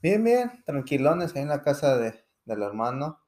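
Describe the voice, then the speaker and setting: A man's voice: fairly high pitch, big pitch swings, normal speed, a little mellow. A man on a casual podcast giving brief, laid-back answers full of slang. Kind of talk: casual chat.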